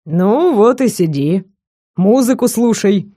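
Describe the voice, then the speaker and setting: A woman reading an audiobook, voicing a young male werewolf kidnapper who speaks low, quiet and mocking. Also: expressive, measured pace, no room sound, clean studio sound. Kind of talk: audiobook character voice.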